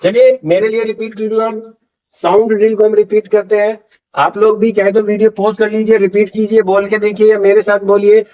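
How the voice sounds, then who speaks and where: A man with an Indian accent teaching English pronunciation in Hindi, patiently explaining and slowly drawing out model words for learners to repeat. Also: sits high, level tone, dark tone, lo-fi sound. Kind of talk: Hindi-language pronunciation lesson.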